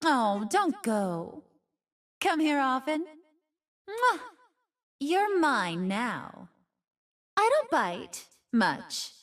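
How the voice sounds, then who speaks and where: High, expressive fox spirit Ahri. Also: female voice, extremely slow, long pauses, far from the mic, exaggerated voice. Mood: playful, teasing. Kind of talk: game character voice lines.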